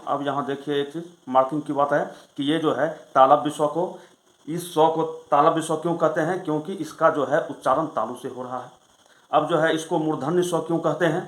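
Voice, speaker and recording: A male Sanskrit grammar teacher explaining rules in a lesson, reciting them slowly and then asking and answering his own questions. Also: fairly high pitch, a bit bright, roomy sound, poor audio. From Bihar, India.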